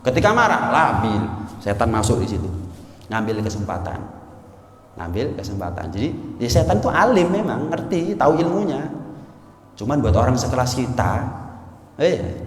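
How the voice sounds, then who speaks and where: Male preacher, animated sermon, exclaiming, echoey hall, long reverb. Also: medium pitch, slight background noise. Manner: animated, exclaiming, mixes in Javanese phrases.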